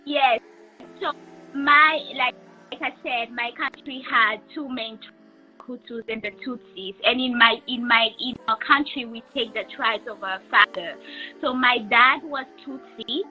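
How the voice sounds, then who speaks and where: Bright-voiced Rwandan woman telling her story. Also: on the high side, fairly even intonation, highs cut off, soft background music. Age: 30s. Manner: careful, halting, repeats and restarts while explaining. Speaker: guest.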